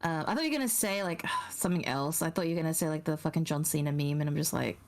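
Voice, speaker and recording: A woman's voice: deep voice, quick pace. A woman streamer in casual chat, telling things in a rambling, giggly way.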